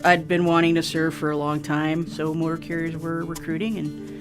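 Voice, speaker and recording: Police investigator from Venezuela, calm and plain-spoken, music bed under him. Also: male voice, fairly high pitch, normal speed.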